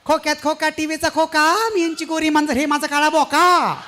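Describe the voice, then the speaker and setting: A man voicing a cheeky housewife reciting a rhyming couplet in a shrill, sing-song way. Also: steady tone, fairly quick, pushed and bright, slight background noise.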